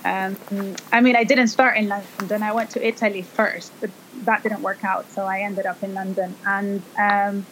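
A woman's voice: medium pitch, level tone, moderate pace, hardly any pauses, a bit bright, slight background noise, low-quality recording. A woman from El Salvador in her thirties, a fashion designer guest speaking in a thoughtful, hesitant way with many fillers. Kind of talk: casual interview talk.

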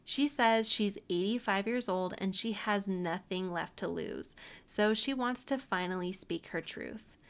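A woman hosting a podcast, recapping a documentary in a chatty, animated way with frequent laughs and playful asides. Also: medium pitch, measured pace, smooth. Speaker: podcast host. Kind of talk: casual chat recapping a documentary.

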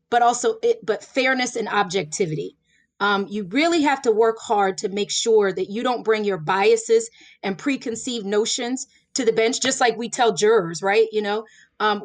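A woman in her forties from Florida, a former prosecutor, answering interview questions in a measured, earnest way with many fillers. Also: mid-range voice, no echo. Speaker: judicial candidate, former prosecutor.

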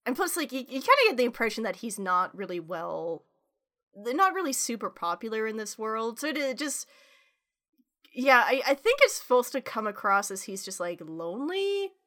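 A woman's voice: a little high, very animated, moderate pace, bright, forceful tone. A woman co-hosting a podcast in casual chat, rambling with many restarts and swearing freely. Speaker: podcast co-host.

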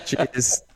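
A man's voice: high-pitched, vocal fry, fairly bright tone, husky, no echo. A man on a lagging online call, his voice glitchy and robotic as he gives a brief sign-off. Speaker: podcast co-host joining remotely. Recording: noisy, clicky internet call line.

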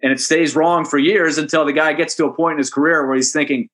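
A man's voice: a little high, quick pace. A man, a hockey radio broadcaster, telling a story as a guest on a casual podcast. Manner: chatty, animated storyteller.

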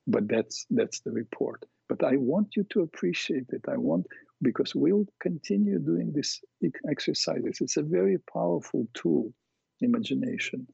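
A man teaching guided visualization exercises, speaking deliberately with pauses between short phrases. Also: on the high side, expressive, gravelly, warm tone, breathy edge, no room sound. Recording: dull, muffled lo-fi sound.

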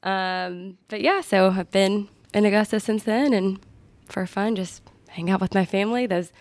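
A young woman, a podcast guest, introducing herself in relaxed chat with fillers. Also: mid-range voice, normal speed, no echo. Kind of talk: casual chat.

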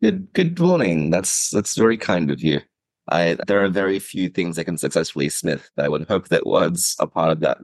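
Deep-voiced male podcast panellist. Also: sing-song, moderate pace, no echo. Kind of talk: casual joking chat.

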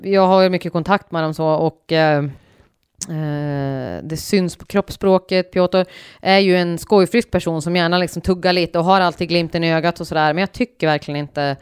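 Woman, young adult, low smooth voice, dry close sound, casual animated football chat. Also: no room sound. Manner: animated, quick asides, many fillers. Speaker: podcast co-host.

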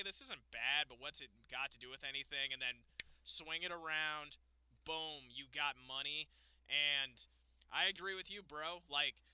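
A man co-hosting a casual wrestling review podcast, excitable and swearing freely, with lots of "like". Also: on the high side, smooth, no room sound. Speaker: podcast co-host.

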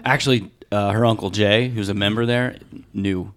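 Moderately paced and lowish in pitch with fairly even intonation, this man co-hosts a podcast. He chats casually, spinning a lengthy, rambling tale crammed with details.

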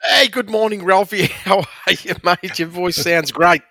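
A man's voice: high-pitched, a little slow, sharp tone, no room sound, studio quality. An Australian man giving conversational, rambling horse racing analysis in a friendly way.

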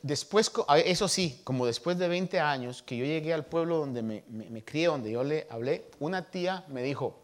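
A man in his thirties, a pastor, preaching a sermon and telling stories from his childhood with lively voices for the people he quotes. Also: fairly high pitch, normal speed, few pauses. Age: 30s.

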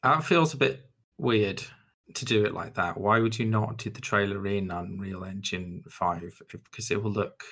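A man's voice: fairly low pitch, moderate pace, a bit bright. A man co-hosting a casual podcast, giving dry, wry asides. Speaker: podcast co-host. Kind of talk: casual chat.

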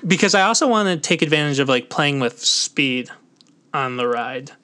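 A young man chatting casually on a podcast, rambling loosely and filling pauses with "like". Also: on the high side. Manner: relaxed, rambling with many "like" fillers. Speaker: podcast host.

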